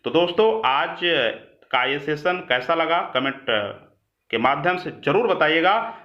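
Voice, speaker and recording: Guy teaching exam grammar, bright voice, roomy echo, kinda muffled lo-fi recording. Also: on the high side. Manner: emphatic, repeats words, explains patiently. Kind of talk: exam-prep grammar lesson. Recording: echoey room, dull lo-fi sound.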